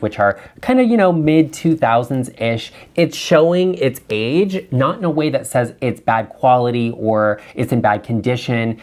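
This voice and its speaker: A man's voice: medium pitch, a little mellow. A man hosting a design video, chatting frankly and with strong opinions about bathrooms he is looking at. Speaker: interior designer and channel host. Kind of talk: casual design commentary.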